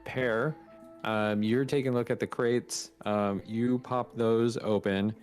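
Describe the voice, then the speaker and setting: A young man running a tabletop game as game master, narrating in a relaxed, halting way with many pauses and fillers. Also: mid-range voice, faint music behind.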